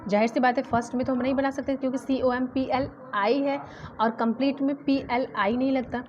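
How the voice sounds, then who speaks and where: एक महिला शिक्षिका, अंग्रेज़ी व्याकरण का पाठ धैर्य से समझाती है और शब्दों की स्पेलिंग अक्षर-दर-अक्षर बोलती है।. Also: female voice, high voice, steady tone, moderate pace, darkish tone, faint music behind. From India. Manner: explains patiently, spells words out letter by letter. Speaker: English grammar teacher. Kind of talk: exam-prep grammar lesson. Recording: dull lo-fi sound with faint noise.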